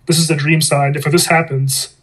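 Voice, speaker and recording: Husky, higher-voiced man co-hosting a podcast. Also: flat delivery, normal speed, a bit bright, low-quality recording. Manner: playful, jokey. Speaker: podcast co-host. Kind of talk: casual chat.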